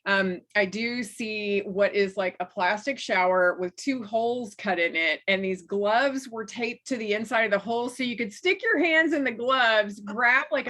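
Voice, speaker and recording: A woman from West Texas, an author guest telling an anecdote in an animated way, laughing as she goes. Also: mid-range voice. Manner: lively, animated storyteller who laughs while telling. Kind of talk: anecdotal storytelling in an interview.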